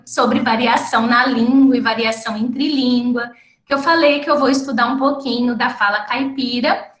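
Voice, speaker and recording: Slow, high-voiced caipira-accented woman lecturer. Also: a bit bright, echoey room. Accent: caipira, interior São Paulo Portuguese. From interior of São Paulo state, Brazil. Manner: explanatory, frequent tag questions. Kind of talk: online academic talk.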